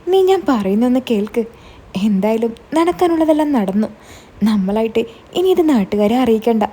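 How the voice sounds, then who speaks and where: A woman voicing a kindly, protective middle-aged man who gently consoles and reassures in a told story. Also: fairly high pitch, lively intonation, brisk, husky. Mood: persuading. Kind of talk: storytelling, quoted dialogue.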